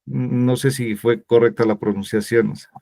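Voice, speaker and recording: A man taking part as a student in an online language class, speaking haltingly and hesitantly over a video call. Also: mid-range voice, fairly even intonation, vocal fry, mellow.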